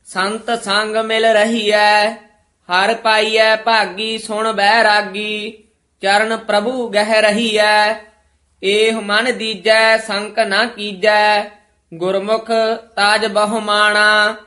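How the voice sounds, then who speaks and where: A reader recites a hymn in an even, measured chant, drawing each line out very slowly. The voice is bright and tense and barely rises or falls. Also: medium pitch. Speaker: student reciting scripture. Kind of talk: slow devotional recitation.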